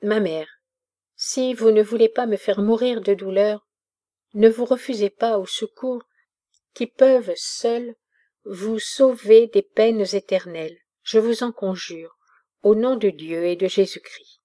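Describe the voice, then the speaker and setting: A woman's voice: medium pitch, unhurried, a little mellow, no echo, studio quality, close to an everyday voice. A woman reading the lines of a zealous young daughter who pleads with vehemence. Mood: vehement. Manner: pleading, insistent.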